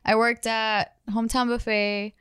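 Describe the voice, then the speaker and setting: A woman's voice: a little high, flat delivery, unhurried, a bit bright, smooth, dry recording, clean studio sound. Thirties woman, rambling casual chat, easily amused. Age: 30s. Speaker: YouTuber, podcast co-host.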